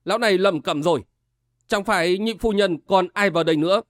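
A man's voice: high-pitched, fast talker, no room sound, clean studio sound, close to an everyday voice. A man voicing an agitated young nobleman who speaks urgently and commandingly.

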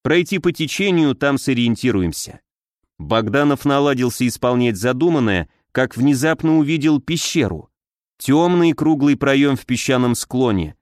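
Male audiobook narrator, steady reading, dry studio sound. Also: medium pitch, normal speed, dry recording. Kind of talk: scripted narration.

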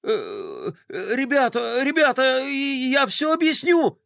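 A man voicing an excitable young male skater in a children's story, gushing and quick to fluster. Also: extremely high pitch, dry recording, clean studio sound, voice pushed up, exaggerated voice.

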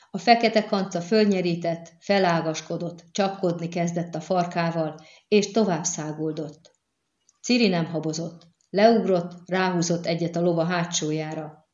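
Low-voiced woman narrating an audiobook. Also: darkish tone. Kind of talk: scripted narration. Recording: echoey, dull lo-fi recording.

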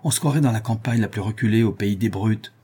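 A man voicing a bitter, sharp-tongued townswoman in a spoken storybook, scolding in a raised voice. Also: on the low side, fast talker, slightly rough.

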